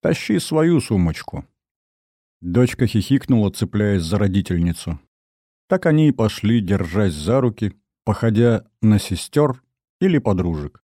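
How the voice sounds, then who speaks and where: A male narrator reads a first-person story with a wry, expressive delivery, his pitch moving freely. His tone is mellow and dark, recorded dry and close with no room sound. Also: normal speed, dry recording. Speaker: audiobook narrator.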